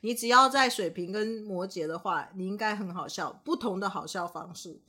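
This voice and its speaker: A woman's voice: medium pitch, moderate pace, bright, forceful tone, slightly rough. A woman co-hosting a casual podcast chat, laughing often and slipping English words into her talk. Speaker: podcast co-host.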